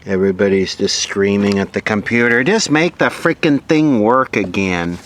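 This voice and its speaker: On the low side but fairly bright in tone, this man talks at a moderate pace while examining old equipment for his vintage radio repair video. His commentary is casual and spontaneous, full of self-directed questions and a sardonic edge.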